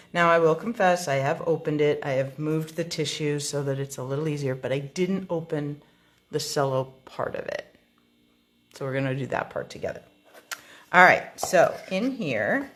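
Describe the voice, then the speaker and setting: A woman hosting a card-making tutorial, chatting casually through an unboxing and thinking aloud with frequent ums. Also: sits low.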